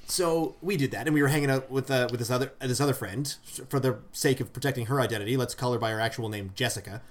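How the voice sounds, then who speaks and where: A man's voice: mid-range voice, fast. Man, podcast co-host, casual chat, rambling storyteller, frequent laughs.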